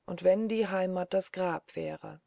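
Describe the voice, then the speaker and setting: A woman's voice: lowish voice, a little slow, creaky, dark tone, no echo. A woman reading as a brooding, eerie male assistant. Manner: musing, darkly wistful.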